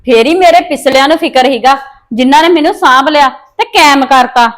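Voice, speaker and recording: A woman plays a resentful young daughter-in-law with a Punjabi accent in a village family drama. Her voice sits high, and she snaps back in sharp, scornful retorts before sinking into low, muttered scheming. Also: brisk. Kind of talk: amateur family drama acting.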